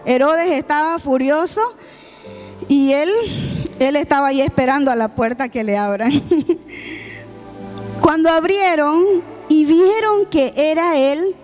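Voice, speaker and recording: A woman preacher from Bolivia delivers a sermon at a slow, deliberate pace in a high voice. She retells the scripture story, acts out its quotes and calls on the congregation to answer. Soft music plays faintly behind her.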